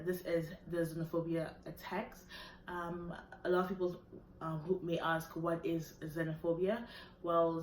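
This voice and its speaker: A woman's voice: low-pitched, a little mellow. Earnest young woman vlogging. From South Africa. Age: 20s. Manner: earnest, hesitant with many fillers. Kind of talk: personal talk to camera. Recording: echoey room, faint background noise.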